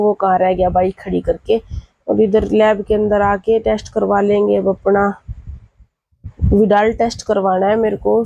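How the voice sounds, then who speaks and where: Feverish woman with a gravelly voice. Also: medium pitch, warm tone, no echo, poor audio. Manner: chatty storytelling, retelling family talk. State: feverish, unwell. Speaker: vlogger. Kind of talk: casual vlog narration.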